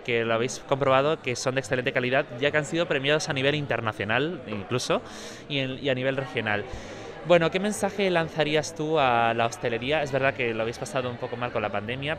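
A man, speaking through a face mask as a local TV reporter, asking courteous, formal questions in an on-the-spot interview at an outdoor town festival with a handheld mic. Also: mid-range voice. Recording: loud crowd chatter around. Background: crowd chatter.

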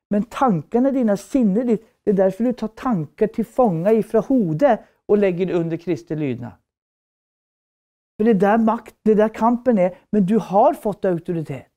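A woman preacher teaches a Bible school class. Her voice is warm and mellow at a middle pitch. She drives her points home with fervent repetition and rhetorical questions. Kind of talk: preaching lecture.

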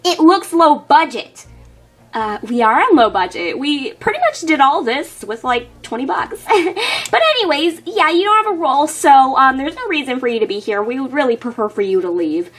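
A woman's voice: sits high, very animated, normal speed, fairly bright tone. A young woman as a teacher in a comedy sketch, bossy and exasperated as she tries to organize everyone. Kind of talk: comedy web-series acting.

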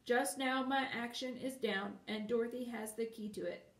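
A woman's voice: on the high side, fairly even intonation, moderate pace, close to an everyday voice. A woman voicing a polite, literal-minded clockwork copper man with a harsh metallic voice, recorded in a roomy space from a distance. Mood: matter-of-fact.

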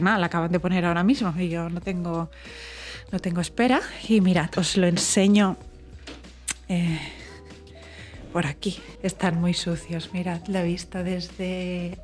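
A young woman with a Spain Spanish accent, vlogging casually to her viewers, chatty and exclamatory as she thinks aloud during chores. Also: mid-range voice. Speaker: home decor vlogger. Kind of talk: casual vlog chat to viewers.

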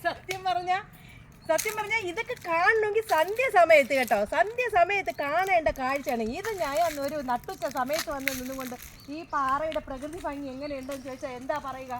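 A woman with a high voice and a southern Kerala Malayalam accent chats as she walks on a travel vlog. She repeats her phrases and often turns to viewers with little tag questions. The recording is outdoors, with light noise behind her. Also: brisk. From Kerala, India. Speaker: travel vlogger. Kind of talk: casual walking vlog commentary. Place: outdoors, walking through a village and rocky hill.

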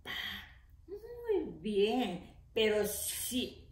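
A woman teacher leading an early reading lesson for young children, slowly sounding out letters and syllables. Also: fairly high pitch, huge pitch swings. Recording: echoey room.

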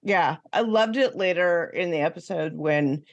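A woman's voice: on the low side, a little slow, vocal fry, dry recording, lo-fi sound. Dry-sounding chatty American woman host. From United States. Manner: chatty, laughs easily. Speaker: podcast co-host. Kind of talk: podcast ad read and casual recap chat.

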